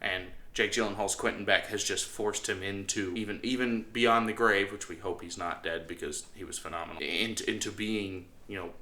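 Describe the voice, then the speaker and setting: A man's voice: fairly low pitch, steady tone, moderate pace, hardly any pauses, sharp tone. A man hosting a casual movie review, rambling and often doubling back on his phrases. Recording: echoey room.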